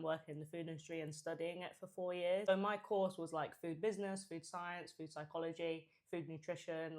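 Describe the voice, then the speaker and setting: Young woman, low register. Informal mukbang chat, talking between and through mouthfuls, chewing. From Hampshire, England and Japan. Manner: chewing and eating while talking, mouth sometimes full; chatty, informal. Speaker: food content creator. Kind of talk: casual mukbang chat to followers.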